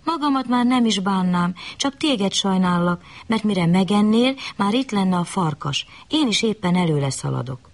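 A woman's voice: mid-range voice, animated, few pauses. A woman voicing a frightened little rabbit in a bedtime story, begging and wailing. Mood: pleading. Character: frightened pleading little bunny.

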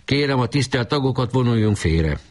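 A man's voice: medium pitch, lively intonation, voice pushed up, close to an everyday voice. A man voicing a nervous schoolboy chairman who speaks in a formal, official tone in a storybook reading. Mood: resigned formal.

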